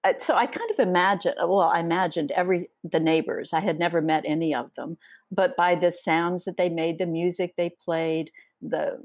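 A woman author reads her own essays aloud and then talks about them, reflective and a little hesitant between thoughts. Her voice sits slightly low. The sound is dry and close, with no room around it. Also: moderate pace, no echo. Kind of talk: reading aloud and interview talk.

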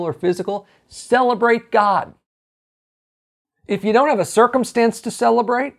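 Gravelly-voiced preacher exhorting. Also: medium pitch. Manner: emphatic, exhorting, slows down on key phrases. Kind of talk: sermon.

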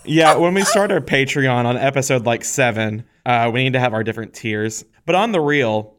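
A man's voice: mid-range voice, expressive, moderate pace, noisy background. A man co-hosting a comedy podcast in casual chat, playful and giggly. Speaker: podcast co-host.

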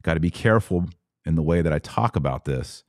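A middle-aged podcast host with an extremely low voice offers religious commentary, animated and fairly quick, in a style both preachy and conversational, with strong emphasis. The studio recording is clean, with no room sound.

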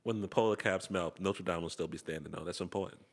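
A man's voice: deep voice, fast. A man with an American accent bantering about the news as a podcast co-host, sarcastic, irreverent and given to repeating himself and swearing.

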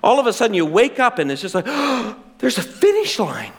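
A middle-aged male pastor preaching a sermon with animated, self-deprecating humor. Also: sits high, normal speed.

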